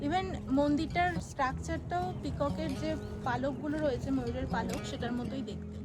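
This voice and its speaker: Female vlogger, casual and chatty, fast delivery, high pitch. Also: fairly even intonation, loud music behind the voice. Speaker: travel vlogger. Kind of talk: casual on-location chat mixed with English.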